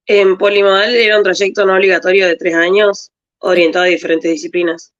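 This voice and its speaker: A woman's voice: medium pitch, little pitch movement, fairly quick. Polite woman student, muffled. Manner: polite and tentative. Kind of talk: classroom questions.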